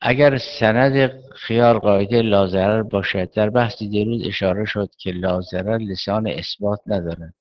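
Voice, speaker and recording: A man lectures on Islamic jurisprudence in a measured, methodical way, raising questions and answering them himself. His voice sits low. The recording is dull and lo-fi. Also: steady tone. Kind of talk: seminary lecture.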